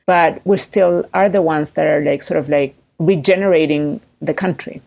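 A startup founder in her thirties with a Chilean accent talks animatedly in an interview conversation, packed with fillers and rising tags. Her voice is deep, creaky, and warm, at a moderate pace.

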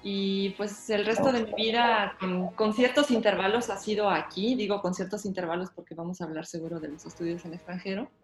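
A woman's voice: mid-range voice, fairly even intonation, brisk, few pauses, soft background music. A woman, a pianist guest, explaining her story thoughtfully and at length in casual conversation. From Mexico, born in Russia. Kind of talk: casual interview chat. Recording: roomy echo.

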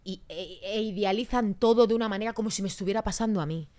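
An expressive woman talks on a podcast. She is emphatic and blunt, with frank swearing, and her voice sits at an ordinary middle pitch. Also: quick pace. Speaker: guest. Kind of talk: casual podcast chat.

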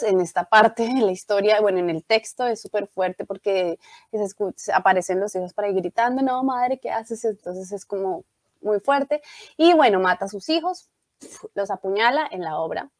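A young woman casually retelling a tragedy, lively and acting out the lines she quotes. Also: medium pitch, moderate pace, dry recording. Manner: animated storytelling, acts out quoted lines.

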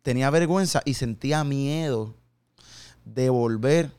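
A man in his thirties gives a heartfelt testimony in an interview. His voice is smooth and clear, at an ordinary pitch, and he acts out the conversations he remembers with slangy asides. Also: a little slow, darkish tone. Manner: earnest storytelling with quoted dialogue, slangy asides.

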